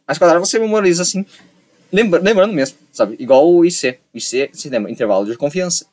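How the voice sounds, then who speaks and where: A man's voice: fairly high pitch, lively intonation, quick pace, darkish tone. A young man giving a casual, repetitive lesson and acting out little dialogues to make a point. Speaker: online tutor.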